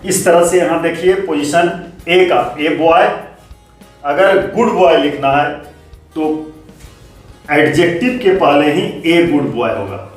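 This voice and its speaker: A man teaching grammar as a lesson, explaining slowly and deliberately. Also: a little high. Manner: slow, deliberate explaining with drawn-out words. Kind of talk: classroom lesson. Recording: very echoey room, voice from far off, faint music.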